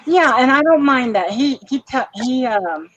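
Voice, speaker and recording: A woman's voice: sits high, animated, measured pace, fairly bright tone, no room sound, dull audio. A woman from Florida in a casual chat, speaking frankly and wryly. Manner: frank, complaining, wry. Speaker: guest in chat.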